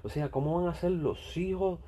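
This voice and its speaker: A man with a Puerto Rican accent goes on a casual rant, blunt and heavy on swearing, repeating himself often. His voice is fairly high-pitched, mellow, and slightly rough, at a moderate pace.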